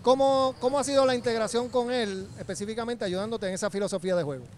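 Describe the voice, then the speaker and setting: A man with a Puerto Rican accent hosting a live sports show courtside with a handheld mic, brisk and chatty. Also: very high-pitched, a little hiss or hum. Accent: Puerto Rican Spanish. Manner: brisk, chatty, broadcast delivery. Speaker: sports TV host. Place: courtside in an indoor basketball arena. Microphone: handheld microphone.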